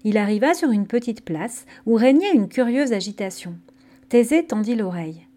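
A woman narrating a scripted myth story in a calm, gentle storytelling manner. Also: fairly high pitch, normal speed.

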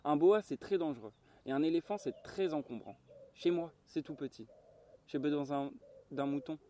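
Insistent little boy prince from a storybook, soft and mellow; male reader lifting his voice. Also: fairly high pitch, normal speed, slight background noise, close to an everyday voice. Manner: insistent, childlike questioning. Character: small boy prince from another planet, earnest, curious. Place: garden, outdoors.

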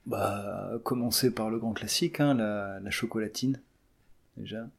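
A man's voice: fairly low pitch, steady tone, a little slow, vocal fry, breathy edge. A man in his twenties from southern France, a student answering interview questions hesitantly, with many fillers and restarts. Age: 20s.

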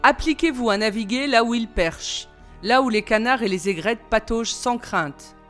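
A woman's voice: on the high side, moderate pace, a bit bright, soft background music, lightly acted. Stern warning fisherman, read by a woman. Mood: advising. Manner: firm, warning.

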